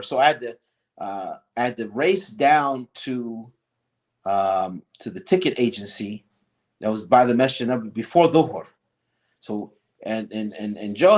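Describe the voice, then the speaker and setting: A middle-aged man, a guest, telling a long personal story in a casual interview, with frequent restarts and fillers and lively quoted lines. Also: medium pitch. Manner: rambling, many restarts and fillers, animated when quoting others.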